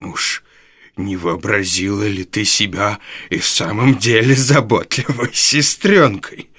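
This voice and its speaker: A man voicing a sly old male gang leader who speaks softly and ingratiatingly. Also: fairly low pitch, unhurried, breathy edge, dry recording, clean studio sound. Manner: soft, ingratiating, mock-polite.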